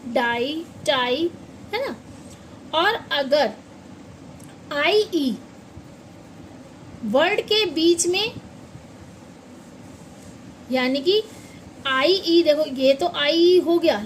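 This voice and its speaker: A woman's voice: sits high, a little hiss or hum. A woman teaching pronunciation in a classroom-style lesson, patiently spelling out words letter by letter and quizzing her students. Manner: patient, repeats and asks the students questions.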